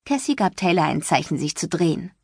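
A woman reading a novel aloud as audiobook narrator, lively and expressive, recorded close in a dry booth. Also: fairly quick, breathy edge, dry recording. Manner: lively, voices the friends with light pitch shifts. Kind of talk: scripted narration. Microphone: close studio mic.

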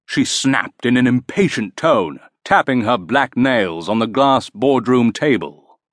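A man narrating a children's audiobook in an expressive storytelling manner. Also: medium pitch, no room sound. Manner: slow, expressive.

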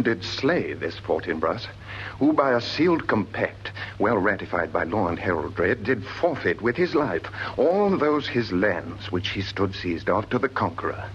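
In a classical Shakespearean radio drama, an actor plays a learned, grave gentleman scholar confronting dread omens. He declaims verse in a low, stately voice with a fairly bright tone and measured rhetoric. The vintage recording sounds dull and somewhat noisy.

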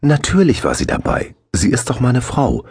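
A man voicing an overjoyed, tousled new father who babbles excitedly. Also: mid-range voice, moderate pace, husky, dry recording, pitched above the performer's own voice, exaggerated voice.

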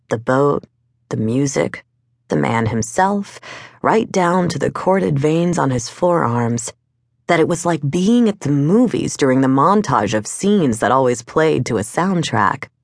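Low-voiced female audiobook narrator. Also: creaky, no room sound, studio quality. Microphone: studio microphone.

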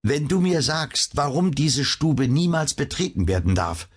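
A man's voice: a little high, big pitch swings, a little slow, husky, voice pushed up, full character voice. A man voicing a determined, hot-blooded young man of about twenty who argues earnestly with his mother, in a read-aloud storybook. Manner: earnest, insistent.

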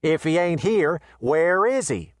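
A man puts on a brash, boastful western saloon owner with a rough folksy drawl. The voice sits high and loud, full of swaggering threats. The recording is dry and close. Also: sing-song, slow pace, no echo. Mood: indignant.

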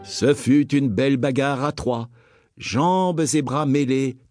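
A man narrating a children's audiobook in a gentle, playful storytelling manner. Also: medium pitch, slow, over music.

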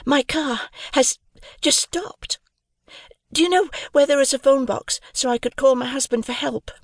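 A man's voice: very high voice, a little slow, no echo, clean studio sound, pitched above the performer's own voice. A man putting on a nervous young woman's voice. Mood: anxious. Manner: soft and apologetic. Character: young woman in her twenties, nervous and self-deprecating.

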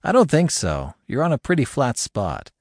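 A male narrator voicing a big, steady firefighter who talks calmly and firmly to reassure someone. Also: mid-range voice, normal speed, no room sound, studio quality, voice pushed up. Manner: calm, firm, reassuring.

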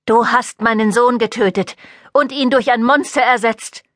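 A woman voicing a terrified mother who screams at her son and calls him a monster, in a shrill voice. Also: moderate pace, a bit bright, no room sound, clean studio sound, close to an everyday voice. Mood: panicked.

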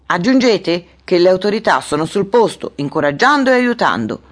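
Brusque official, played by a woman narrator, high and loud when he snaps, audiobook storytelling. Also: sing-song, normal speed. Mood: irritable. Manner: brusque, shouting orders. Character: irritable middle-aged male government official.

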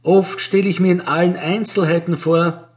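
A man's voice: high voice, steady tone, moderate pace, pitched above the performer's own voice, close to an everyday voice. A man voicing a bored, sighing older woman postal clerk in an audiobook. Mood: bored, daydreaming. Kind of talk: audiobook character voice.

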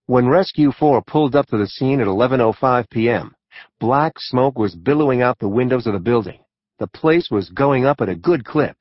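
A male narrator reading a true-crime audiobook in a measured, even storytelling manner. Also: medium pitch, no room sound, highs cut off.

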